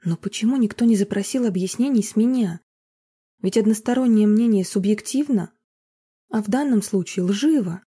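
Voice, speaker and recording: Woman reading a tense grown woman, coldly controlled, mellow husky tone, storybook. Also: medium pitch, moderate pace, natural voice. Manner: controlled, cold, holding back fury. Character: Marina, a tense adult woman fighting for a foster girl.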